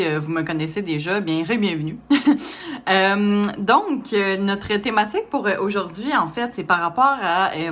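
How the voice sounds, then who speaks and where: A woman's voice: medium pitch, a bit bright. A woman reading tarot cards, speaking casually with many hesitations and small laughs. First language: French. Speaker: tarot reader.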